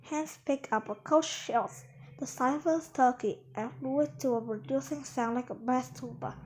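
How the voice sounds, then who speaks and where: High-voiced woman reading a storybook. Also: moderate pace, a little mellow, slight background noise, poor audio. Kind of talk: reading a children's adventure book aloud.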